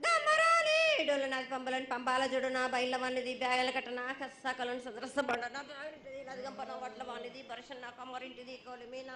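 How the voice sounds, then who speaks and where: A woman with a Telangana accent chanting ritual invocations as an oracle in a prophetic trance voice, crying out and then dropping lower. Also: fairly quick, hardly any pauses. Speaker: oracle delivering a festival prophecy. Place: echoey temple festival site. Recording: echoey, with background noise.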